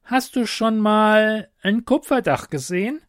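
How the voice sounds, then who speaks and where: A man reading a story aloud, voicing Sally, a small, boastful and cheeky male kobold in a high, excitable, wheedling voice. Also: a little slow, dry recording, clean studio sound.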